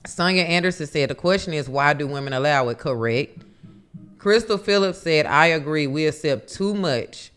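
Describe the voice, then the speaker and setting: A man with a smooth, resonant voice sitting slightly high in his range. He co-hosts a laid-back podcast and reads viewer comments out in a steady, matter-of-fact way. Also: moderate pace, faint music behind. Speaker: podcast co-host. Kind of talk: casual chat, reading viewer comments aloud.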